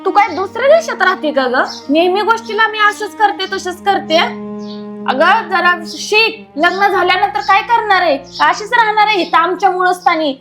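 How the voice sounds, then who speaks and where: A woman's voice: very high voice, moderate pace, a bit bright. A woman acting a harsh aunt who scolds and taunts, with faint music behind. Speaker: actor playing a cruel aunt-in-law. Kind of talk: amateur family drama acting.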